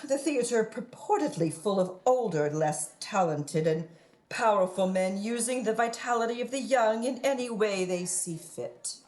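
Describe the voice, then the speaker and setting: A woman performs in a radio play as a scheming widow who poses as a prim, melodramatic moral crusader, delivering lines in a florid, sanctimonious, affected way. Her medium-pitched voice is animated, a little mellow and natural, at normal speed. She sounds flustered and wistful, in theatrical radio acting style.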